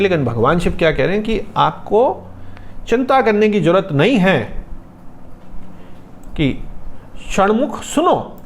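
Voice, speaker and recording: A man teaching about scripture in a patient, explanatory way, slowly chanting mantras as examples. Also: sits high. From India. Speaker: spiritual teacher.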